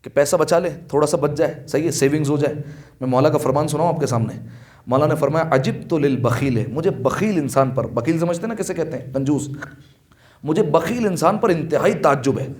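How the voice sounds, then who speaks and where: A man's voice: a little high, a little mellow. A man delivering a sermon with impassioned storytelling, raising his voice for quoted lines and asking the listeners questions. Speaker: preacher. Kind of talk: Urdu majlis sermon. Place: religious hall.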